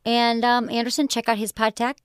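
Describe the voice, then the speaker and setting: A woman's voice: a little high, flat delivery, a little fast, smooth, no room sound, studio quality. A woman from Michigan with a Great Lakes American accent, chatting casually and frankly as a podcast host giving advice. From Michigan, United States. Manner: informal, frank.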